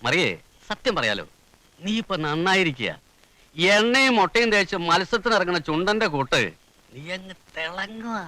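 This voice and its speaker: An actor playing a boastful, easygoing brother-in-law who chats and teases playfully in a film comedy scene. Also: male voice, high-pitched, sing-song, normal speed, pushed and bright, no echo, full character voice, low-quality recording. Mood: teasing. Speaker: brother-in-law, boat race team captain.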